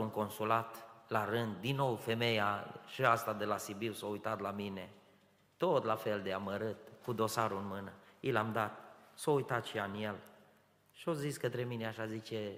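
A man in his forties from Romania preaching a testimony sermon, telling his story with acted-out dialogue and rising to loud fervent peaks. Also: fairly low pitch. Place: church hall. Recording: echoey church with long reverb.

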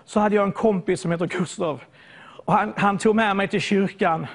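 A man's voice: sits high, fairly even intonation. A man from southern Sweden preaching a sermon, telling stories and often repeating words as he searches for them.

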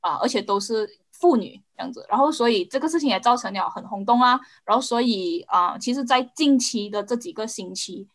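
A woman's voice: a little high, lively intonation, brisk, few pauses. A woman in a casual discussion, searching for words and dropping English into her Mandarin. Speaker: podcast co-host.

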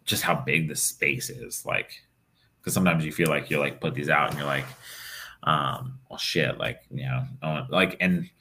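Young male podcast co-host, extremely low voice, loose unscripted chat full of "like" and "you know". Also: normal speed, bright, forceful tone, a little hiss or hum. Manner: rambling, lots of fillers and restarts. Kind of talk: casual chat.

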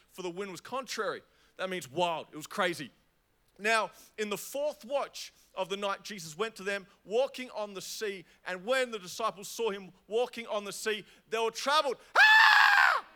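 A young man preaching a lively youth sermon, getting the crowd to repeat words after him. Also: high-pitched, smooth. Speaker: youth pastor.

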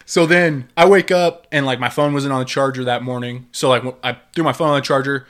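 A man's voice: medium pitch, steady tone, a little fast, fairly bright tone. A man co-hosting a casual chat, telling rambling stories full of swearing, "like" and "dude". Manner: rambling storyteller, swears freely, lots of "like" and "dude".

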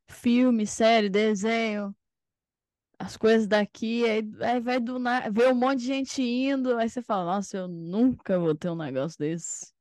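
A young Brazilian woman with an accent from Espírito Santo, hosting a relaxed, slangy interview chat. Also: a little high, dry recording, clean studio sound. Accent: Brazilian Portuguese, from Espírito Santo. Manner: relaxed, slangy, acts out quotes. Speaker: host.

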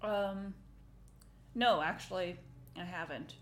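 A woman's voice: on the low side, slow pace, fairly bright tone, a little hiss or hum. A woman co-hosting a casual podcast, talking in an easygoing way. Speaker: podcast co-host.

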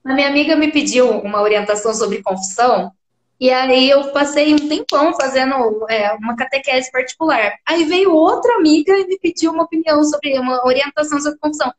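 High-voiced, effusive Brazilian woman. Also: fairly quick, echoey room. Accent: Brazilian Portuguese. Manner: effusive, emphatic, speaks loudly. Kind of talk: casual conversation.

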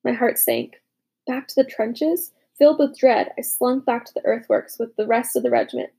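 A woman narrating a war story as a young soldier, with dramatic, hushed, urgent delivery in the dialogue. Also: on the high side, moderate pace, vocal fry, husky. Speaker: narrator voicing a boy soldier. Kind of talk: audiobook narration.

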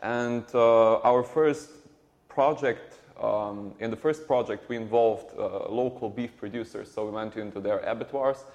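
A man, a startup co-founder answering interview questions in a halting way with many repeated words. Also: on the low side, darkish tone. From Slovenia. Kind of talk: conversational interview.

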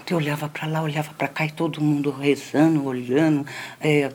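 Older woman, storyteller, low-pitched voice, chatty, frequent tag questions, speaks to the audience. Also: steady tone, a little fast, a little mellow, a little hiss or hum. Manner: conversational, lots of "né" tags, addresses listeners. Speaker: storyteller recounting a childhood memory. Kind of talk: personal storytelling. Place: community center.

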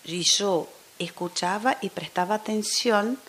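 A woman guest, a teacher, talking through an interview in a thoughtful way and often dropping into soft near-whispers. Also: medium pitch, measured pace, slight background noise. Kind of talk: casual interview chat.

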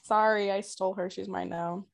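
A woman's voice: medium pitch, steady tone, normal speed, creaky. A young adult woman co-hosting a podcast in casual chat, bubbly, playful and gushing. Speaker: podcast co-host.

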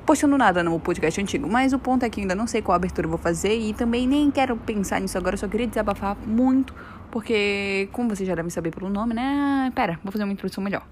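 A woman's voice: mid-range voice, fast, darkish tone, a little hiss or hum. A young woman hosting her own podcast, talking alone in a rambling, jokey way that keeps interrupting itself, into an earphone mic. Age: young adult. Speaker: podcast host. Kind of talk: personal monologue podcast.

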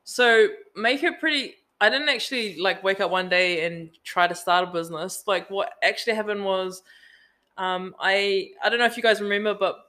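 Bright-voiced New woman. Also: mid-range voice, normal speed. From New Zealand. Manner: relaxed storytelling with many fillers. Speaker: guest, event business owner. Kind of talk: casual podcast interview.

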